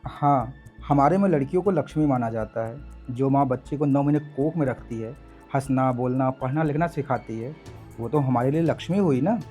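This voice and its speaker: An actor playing a gentle young husband who speaks softly and reassuringly. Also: male voice, mid-range voice, normal speed, faint music behind, lightly acted. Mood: tender. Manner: soft, reassuring. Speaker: actor in a short drama. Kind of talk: Hindi short-film acting.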